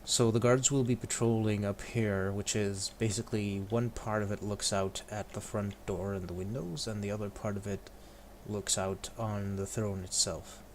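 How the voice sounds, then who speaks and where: Male game streamer, lowish voice, casual running commentary with chat, noisy background. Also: fairly even intonation, moderate pace, hardly any pauses. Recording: clear background noise.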